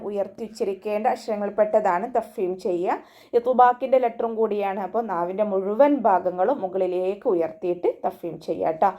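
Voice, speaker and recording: A woman with a Malayali accent leads an online recitation class. She explains each rule in a patient, even tone, then breaks into slow, drawn-out chanting of the verses. Her voice sits at a middle pitch. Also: lo-fi sound. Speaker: Quran recitation teacher. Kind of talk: tajweed lesson with chanted recitation.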